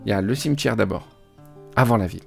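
A man hosting a podcast, chatting casually and telling an animated story, imitating how place names are pronounced. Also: lowish voice, quick pace, creaky, breathy edge, soft background music. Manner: animated storytelling, mimics pronunciations. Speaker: podcast host. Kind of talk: casual chat.

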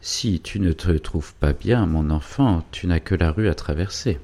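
Old doctor guardian in an audiobook, deep, dark and grave, read by a man. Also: measured pace, creaky, heavily acted.

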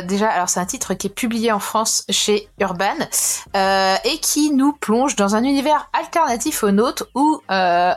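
A young woman speaks with a slightly nasal, blocked-nose sound from a cold. She reviews a comic in a relaxed podcast chat, often pausing and restarting her sentences. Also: medium pitch. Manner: hesitant, frequent pauses and restarts.

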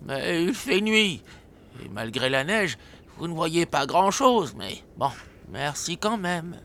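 A man voicing a hungry old male owl who has lost his glasses, speaking slowly and plaintively in a storybook. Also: on the high side, very animated, a bit bright, heavily acted. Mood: grateful. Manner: slow, plaintive, groaning. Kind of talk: storybook character acting.

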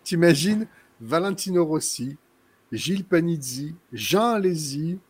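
A man's voice: on the high side, animated, measured pace, a little hiss or hum. A man co-hosting a motorsport podcast, adding wry quips in casual chat. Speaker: podcast co-host.

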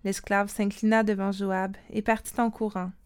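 A woman reads a Bible story aloud in a calm, steady, scripted way. Her voice is smooth and resonant, sitting at an ordinary middle pitch. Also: moderate pace. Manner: calm steady reading with quoted speech.

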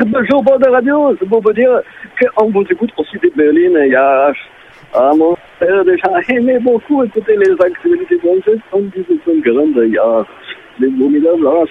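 A man's voice: extremely high pitch, wildly swooping pitch, normal speed, creaky, few pauses, narrow, tinny audio, slight background noise, full character voice. A man putting on a caller from Berlin who speaks broken French with a thick German accent, heard as an answering machine message. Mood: jokey. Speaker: fake caller.

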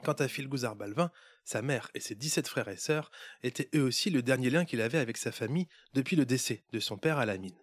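A man's voice: mid-range voice, a little fast, no room sound, clean studio sound. A man hosting a podcast who narrates a Christmas storybook tale in a playful way, with running gags. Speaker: podcast host.

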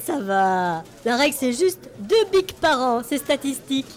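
A woman's voice: high voice, big pitch swings, unhurried. A woman playing a sarcastic office colleague with a dry, teasing manner.

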